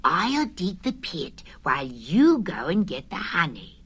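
A woman voicing a small, timid male piglet in a high, fussy voice. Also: sing-song, a little slow, a bit bright, breathy edge, exaggerated voice. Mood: giving in.

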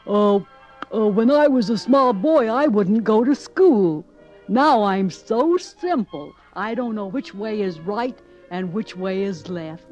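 A woman voicing Simple Simon, a dim-witted boy who talks haltingly with lots of uhs. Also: medium pitch, lively intonation, darkish tone, muffled recording, soft background music. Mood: sheepish. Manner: halting, hesitant with many uhs.

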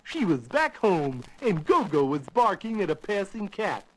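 An actor playing a friendly cartoon gorilla babysitter who tells a children's bedtime story in an expressive, folksy manner, with music behind him. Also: male voice, high voice, unhurried, full character voice, poor audio. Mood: storytelling. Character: friendly pet-shop gorilla babysitter telling a bedtime fairy tale. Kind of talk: animated children's storybook narration.

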